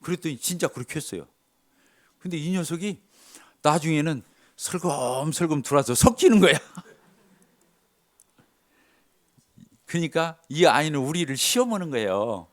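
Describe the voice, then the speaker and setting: Pausing often and keeping a measured pace, a middle-aged pastor shares stories from his congregation as sermon storytelling. His fairly high voice changes as he animatedly plays out each character's lines.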